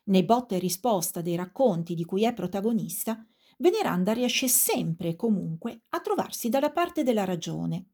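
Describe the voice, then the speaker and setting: A woman narrating a scripted literature lesson in a measured, clear reading. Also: mid-range voice, animated, darkish tone.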